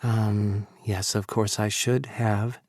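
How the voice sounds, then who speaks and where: A male narrator voicing a teasing, playful young man who is the narrator's lover, in a slightly lower and slower delivery. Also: level tone, darkish tone, no echo, studio quality. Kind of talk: audiobook character voice.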